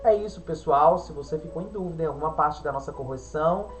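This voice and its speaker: A woman's voice: low voice, quick pace, faint music behind. A woman teacher with a Brazilian Portuguese accent, patiently walking pupils through an exercise correction in a remote class. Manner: patient, explanatory, frequent "né" tag questions.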